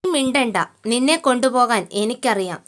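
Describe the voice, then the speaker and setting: A woman's voice: fairly high pitch, a little fast, lightly acted. A woman voicing a furious, domineering young man who barks orders, in a storybook reading. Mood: angry commanding. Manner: commanding, forceful shouting.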